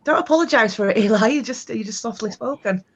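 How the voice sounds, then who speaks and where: A woman's voice: fairly high pitch, animated, fast, dull audio, crowd noise. A woman from England with an English accent, chatting casually and greeting people. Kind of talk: casual chat, greeting viewers.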